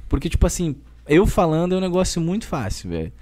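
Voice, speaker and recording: A man's voice: fairly high pitch, quick pace. A man in his thirties with a southern Brazilian Gaúcho accent, talking emphatically and colloquially as a podcast guest. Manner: emphatic, animated, colloquial, keeps saying "velho". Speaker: personal trainer guest. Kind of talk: casual podcast conversation.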